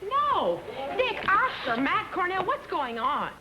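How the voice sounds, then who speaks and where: An actress playing a playful young wife in a 1960s sitcom, teasing and eager. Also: female voice, very high-pitched, sing-song, slow pace, heavily acted. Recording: noisy TV audio.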